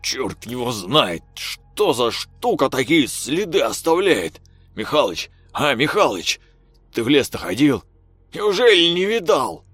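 A man's voice: mid-range voice, big pitch swings, fairly bright tone, husky, no echo, soft background music, voice pushed up, full character voice. A man reading a story, voicing a drunk middle-aged village man who slurs and insists he saw something. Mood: excited. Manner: slurred, drawn-out and insistent.

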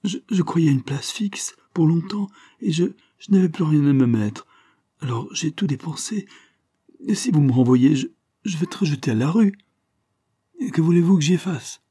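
A man's voice: on the high side, expressive, moderate pace, mellow, breathy edge, no room sound, studio quality, pitched above the performer's own voice. A man voicing a young woman who stammers and pleads through tears in an audiobook. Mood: sobbing. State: crying.

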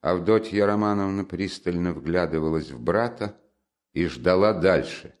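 A man reading a classic novel aloud as an audiobook narrator, measured and even. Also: low-pitched.

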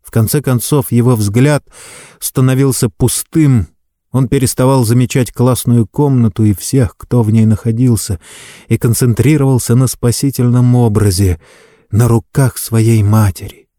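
Male narrator, mid-pitched and dark, dry close sound, steady dramatic audiobook reading. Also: moderate pace, dry recording.

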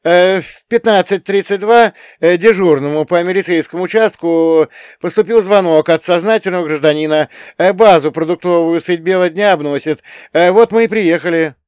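A man's voice: high-pitched, normal speed, a little mellow, smooth, dry recording, clean studio sound, pitched above the performer's own voice, close to an everyday voice. A man voicing a flustered police captain who stammers out excuses with hesitant sounds.

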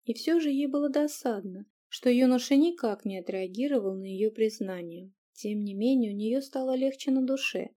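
Narrator: woman, calm, measured audiobook reading, fairly high, mellow. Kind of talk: scripted narration.

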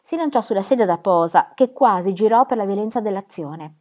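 A woman's voice: medium pitch, expressive, fairly quick, darkish tone. Woman reading a novel aloud. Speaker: reader.

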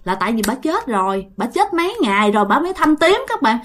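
A woman's voice: fairly high pitch, very animated, fast, fairly bright tone. A woman with a Southern Vietnamese accent telling a ghost story in a chatty way, often addressing her listeners.

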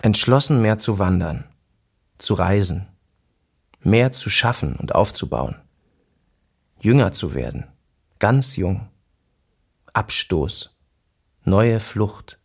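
Intense poet-wanderer, low register, literary radio feature diary reading. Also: male voice, animated, slow pace, vocal fry, long pauses, husky, heavily acted. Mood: rapturous.

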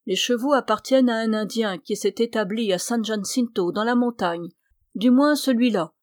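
A woman's voice: a little high, normal speed, a little mellow, no echo, clean studio sound, lightly acted. A woman doing an easygoing young wagon driver. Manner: easygoing, plain-spoken.

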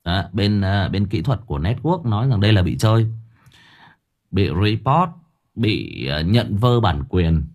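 Husky low-voiced male livestream host. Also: sing-song, unhurried, darkish tone, dull audio. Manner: chatty and rambling, talks straight to the audience. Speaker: livestream host of an audio story channel. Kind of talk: casual livestream chat to viewers.

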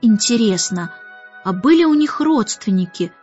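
A woman's voice: mid-range voice, animated, moderate pace, a little mellow, lo-fi sound, soft background music, close to an everyday voice. Woman voicing a whiny little boy. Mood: sulky. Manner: whining, grumbling. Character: small boy, sulky and whiny.

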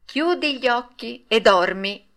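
A poor, kindly old woodcarver speaks slowly and softly, as a woman reading a storybook puts him on. His words come unhurried and fatherly, with a lively lilt. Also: a little high, pitched above the performer's own voice. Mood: gentle. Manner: slow, gentle and fatherly.

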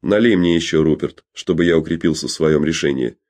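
A man voicing a reckless, boastful boat captain who drinks to steady his nerve, in an audiobook reading. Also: extremely low pitch, fairly quick. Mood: swaggering. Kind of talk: audiobook character voice.

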